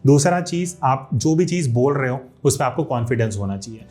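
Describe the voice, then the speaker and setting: Male YouTube creator, 30s, friendly tutorial voice, mid pitch, punches key words, Hindi laced with English. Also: lively intonation, brisk, darkish tone. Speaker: YouTube creator teaching video skills. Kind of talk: casual instructional talk to camera. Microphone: studio microphone.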